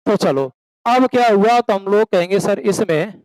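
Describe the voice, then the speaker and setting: Male coaching-class teacher, high voice, dry close sound, quizzes students and answers himself. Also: lively intonation, normal speed, a little mellow, dry recording, poor audio. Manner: calls students beta, asks and answers own questions; slips into rural dialect for examples. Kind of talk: classroom lecture.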